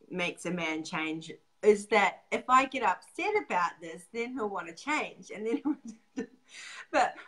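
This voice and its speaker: A woman's voice: on the high side, fairly bright tone, rough recording. A woman hosting a casual chat as a sex coach, laughing often and swearing casually.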